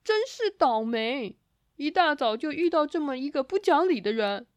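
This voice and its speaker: A woman doing Mr. Happy, bright and high. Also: big pitch swings, moderate pace, no room sound. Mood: pained. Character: friendly cheerful grown man. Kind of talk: children's storybook voice acting.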